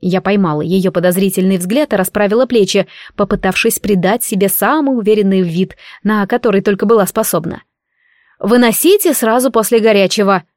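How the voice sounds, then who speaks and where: An audiobook narrator reads scripted first-person narration close to the mic, in a wry, lightly ironic manner. Her medium-pitched voice is a little mellow, brisk and with few pauses. There's no echo.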